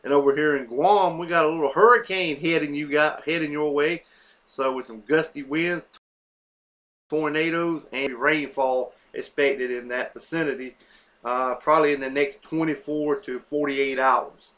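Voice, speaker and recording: A man's voice: on the high side, steady tone, moderate pace, fairly bright tone. A man hosting a weather forecast, talking through maps off the cuff with many fillers and self-corrections as he runs down a list of places. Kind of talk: unscripted weather map walkthrough.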